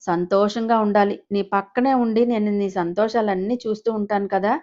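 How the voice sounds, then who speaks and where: A woman's voice: mid-range voice, steady tone, moderate pace, muffled recording, natural voice. A woman voicing the tender, consoling spirit of a departed woman in an audio story. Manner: soft, consoling.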